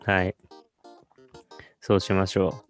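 A man in his thirties co-hosting a podcast in casual chat, laid-back and quick to agree. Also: low-pitched, monotone. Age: 30s. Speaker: podcast co-host. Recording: faint guitar music underneath.

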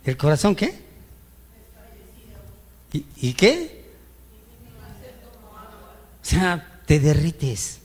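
A man's voice: on the high side, huge pitch swings, extremely slow, pauses often, slightly rough. A male pastor preaching a sermon, firing rhetorical questions at the congregation and acting out whiny complaints to God. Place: church. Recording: reverberant church hall.

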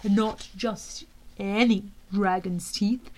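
A woman voicing a cold, scheming male villain general who speaks slowly and loudly. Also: fairly even intonation, low-quality recording. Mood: gloating. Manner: slow, booming, menacing delivery.

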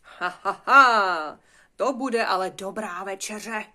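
A woman voicing a hungry, boastful male wolf in a storybook, speaking loudly and slowly drawing out his words. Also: mid-range voice. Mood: gloating. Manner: loud, drawn-out and gloating.

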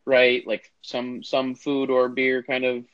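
A man's voice: medium pitch, monotone, slow pace, a bit bright, no echo. A man hosting a casual group call, talking through AirPods with a speakerphone-like sound, rambling with lots of filler words. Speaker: call host. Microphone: AirPods earbuds on a call. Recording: dull lo-fi call audio.

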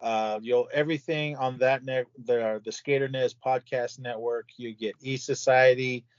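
A man's voice: mid-range voice, steady tone, normal speed, clean tone, no echo. An older man, a podcast guest, rambling casually with lots of fillers. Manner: rambling, filler-heavy plugs. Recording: dry, dull lo-fi audio.

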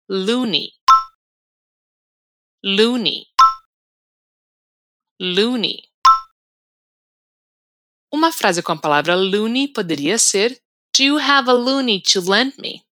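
A woman with a Brazilian Portuguese accent hosts a scripted language-lesson podcast. She says English words and phrases slowly and repeats them for learners. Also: mid-range voice, pushed and bright, no room sound, studio quality. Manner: slow, deliberate repetition for learners. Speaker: English teacher, podcast host.

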